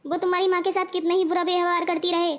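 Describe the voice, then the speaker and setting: A woman's voice: very high voice, level tone, fast, slight background noise. A woman voicing a scolding, preachy middle-aged mother in a cartoon. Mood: lecturing. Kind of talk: cartoon voice acting.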